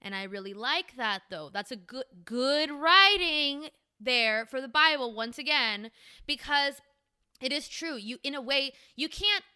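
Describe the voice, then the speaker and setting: Smooth bright-voiced woman, teasing podcast co-host. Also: sits high, expressive, measured pace. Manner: teasing, swears casually, steers the conversation. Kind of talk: casual banter.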